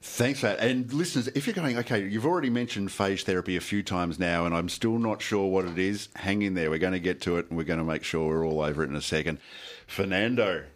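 A man with a deep, low voice hosts a radio interview. He talks in a chatty, playful way and teases his guests lightly. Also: quick pace. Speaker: radio host.

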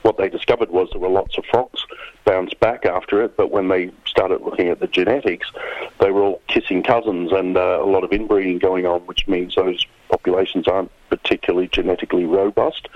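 A man's voice: low-pitched, little pitch movement, brisk, no echo. An Australian man explaining science as an interview guest over the phone, hesitant and searching for words. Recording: dull phone line into radio studio.

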